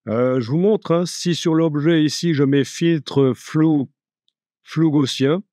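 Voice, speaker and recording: A man giving a live software tutorial, chatty and joking, thinking aloud as he works. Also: on the high side, takes it slowly, no echo, studio quality. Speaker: software instructor.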